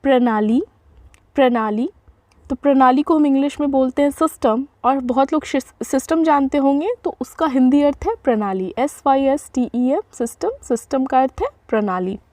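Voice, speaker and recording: Woman with a high voice doing a vocab lesson, spells words out slow, dry close sound. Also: dark tone, no room sound. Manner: repeats each word and spells it out letter by letter; unhurried, with small self-corrections. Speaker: vocabulary teacher.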